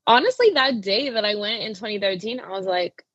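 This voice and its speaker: A woman's voice: mid-range voice, normal speed, fairly bright tone, no room sound, highs cut off. A young woman wrestler talking casually in an interview, with lots of "like" fillers. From Arizona. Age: young adult. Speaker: wrestler guest.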